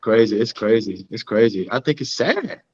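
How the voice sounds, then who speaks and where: A man's voice: fairly low pitch, big pitch swings, normal speed, highs cut off. A man hosting a casual livestream, chatting with a guest and reading out viewer comments, often asking "you know what I'm saying". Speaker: livestream host.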